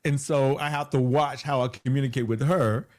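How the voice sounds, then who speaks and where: In a conversational interview, the guest is a hypnotherapist, a man who says his voice is big. He speaks at normal speed in a mid-range, darkish voice with a steady tone, stressing points emphatically through repeated phrases.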